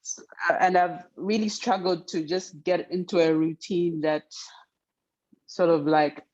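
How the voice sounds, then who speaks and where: Low-voiced woman in her forties on a call. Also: steady tone, a little slow, darkish tone. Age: 40s. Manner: hesitant, searching for words. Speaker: webinar participant. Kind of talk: casual self-introduction. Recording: dull lo-fi call audio.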